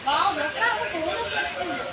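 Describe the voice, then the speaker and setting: A woman's voice: very high voice, lively intonation, fast talker, crowd noise. A woman vlogging casually to her viewers, chatty and exclamatory, filming on a phone. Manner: chatty, addresses viewers as guys, exclaims often. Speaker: travel vlogger. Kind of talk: casual vlog chat. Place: rooftop terrace in hot sun, then indoors. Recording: phone video with loud background noise.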